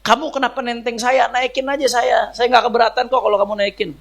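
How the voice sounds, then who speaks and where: Male preacher as a talking cow from a sermon tale, gravelly and high, friendly, coaxing. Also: level tone, brisk, fairly bright tone, full character voice. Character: talking cow, kind and admiring.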